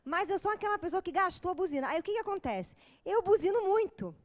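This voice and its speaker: A woman's voice: extremely high pitch, lively intonation, fast talker, a bit bright. A woman with a Brazilian Portuguese accent giving an informal, joking lecture to a live audience. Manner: joking, chatty, with acted asides.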